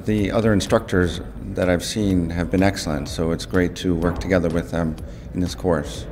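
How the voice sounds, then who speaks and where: A man, a radiology professor, speaking calmly and measuredly in an interview. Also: sits low, moderate pace, noisy background. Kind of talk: interview testimonial. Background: music bed.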